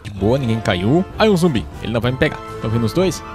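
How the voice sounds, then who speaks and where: A young man from Brazil with a lilt, narrating his game as he plays. He keeps yelping in alarm and coaxing his animals along, his voice sitting at an ordinary middle pitch. Game music plays clearly underneath, with sheep bleating now and then. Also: very animated, quick pace. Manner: jumpy, easily startled, keeps crying out in alarm; chatty, talks to the animals and himself. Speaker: gaming channel host. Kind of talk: live gameplay commentary.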